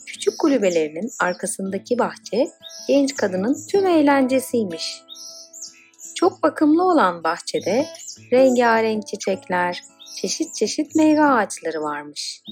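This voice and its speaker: A woman with a medium-pitched voice reads a scripted children's fairy tale, telling it in an expressive, dramatic storyteller's style.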